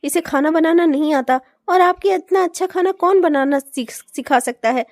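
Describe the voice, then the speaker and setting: A woman voicing a gentle young husband in a comic cartoon who calms and reassures the others. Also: extremely high pitch, normal speed, no echo, studio quality. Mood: soothing. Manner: soothing, reassuring.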